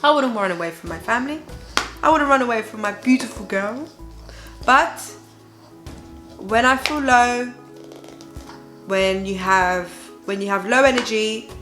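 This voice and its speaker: A young woman, an exhausted mother, chatting candidly and emphatically to her viewers about her feelings, checking in with them as she goes. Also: medium pitch. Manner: exhausted, weary parent venting candidly. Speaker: parenting vlogger and host, mother of a baby. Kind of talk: casual confessional chat to viewers.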